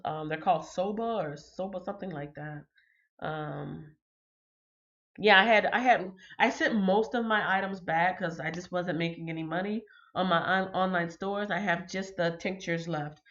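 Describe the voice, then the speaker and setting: A livestream host with a lowish, slightly bright voice chats with her viewers and reads out their comments, captured in dull audio. She's a little congested, chatty, and says "um" frequently.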